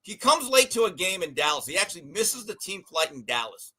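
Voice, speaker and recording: Animated, high-voiced sports storyteller man. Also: fairly quick, husky, poor audio. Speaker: podcast host. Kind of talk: casual sports podcast storytelling.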